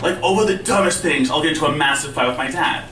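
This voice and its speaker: A male stand-up comedian with a bright, slightly high voice tells self-deprecating stories in a conversational way. His speech impediment turns R's soft and close to W. The sound is roomy, as if picked up from a distance in a live venue. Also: quick pace, faint music behind. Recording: roomy live club, distant mic, faint noise.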